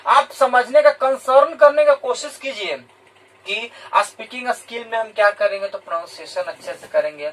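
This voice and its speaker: A man's voice: very high voice, normal speed, fairly bright tone, far from the mic, rough recording. A man from India, a teacher giving a motivational talk to students, explaining points and repeating key words in two languages. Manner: explanatory, repeats key words in English and Hindi, addresses listeners directly.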